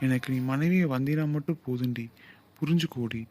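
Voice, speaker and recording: A man's voice: mid-range voice, fairly quick, a little mellow, natural voice. A young man acting a lovesick, possessive suitor who pleads and then insists in an audio drama. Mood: tender. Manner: insistent, swings from pleading to commanding.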